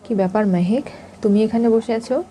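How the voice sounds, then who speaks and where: Dazed young husband, voiced by a woman, confused and gullible, dark mellow voice. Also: a little high, a little fast, a little hiss or hum, natural voice.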